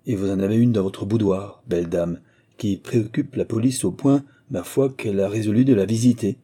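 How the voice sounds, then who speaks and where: A wry police agent in a classic tale, ironic and firmly in command, played by a male narrator. His voice is dark and husky, a little lifted from the narration. He gives orders calmly. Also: fairly low pitch, brisk, close to an everyday voice. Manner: dry, ironic, authoritative.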